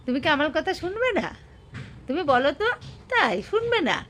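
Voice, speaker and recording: High sing-song woman coaxing a dog. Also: sing-song, normal speed, a bit bright, slight background noise. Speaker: dog owner filming her pet. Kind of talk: baby talk to a dog. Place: home, indoors.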